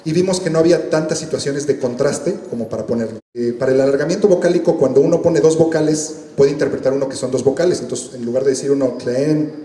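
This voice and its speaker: A man's voice: medium pitch, fast talker, warm tone. Man explaining in a roomy hall. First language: Totonac. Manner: explains carefully with many fillers. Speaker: university team member presenting software. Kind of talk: explanatory presentation. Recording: roomy recording with long reverb.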